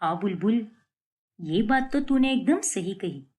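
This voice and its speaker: A woman's voice: mid-range voice, expressive, a little slow, darkish tone, close to an everyday voice. A woman voicing a young daughter-in-law in a cartoon story who schemes and defies her mother-in-law. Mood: scheming. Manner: complaining, defiant.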